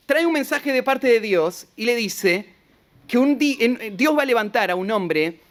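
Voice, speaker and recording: Argentine pastor retelling a Bible story. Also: male voice, very high voice, fairly bright tone. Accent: Rioplatense Argentine Spanish. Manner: storytelling preacher, retells scripture with rhetorical asides; stammers and repeats short words. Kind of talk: expository Bible sermon.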